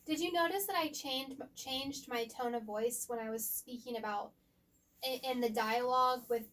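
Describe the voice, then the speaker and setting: A woman tutoring a student one-on-one in reading, asking patient guiding questions and explaining slowly, sometimes softly. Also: on the high side. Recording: voice picked up from a distance.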